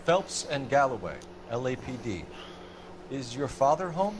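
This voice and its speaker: An actor playing an upright, earnest 1940s police detective who talks in a formal, stiff way, in video game dialogue. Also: male voice, medium pitch, big pitch swings, unhurried, noisy background.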